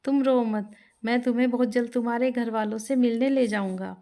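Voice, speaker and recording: A woman's voice: fairly high pitch, fairly even intonation, a little fast, dark tone, close to an everyday voice. A woman voicing an exasperated poor young husband. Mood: coaxing. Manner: pleading, then scolding and fed up.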